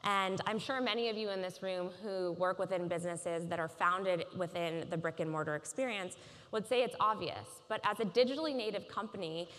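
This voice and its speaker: A woman in her thirties giving a polished, measured conference keynote on a large stage. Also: fairly low pitch, fairly bright tone. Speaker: keynote speaker. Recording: reverberant conference hall.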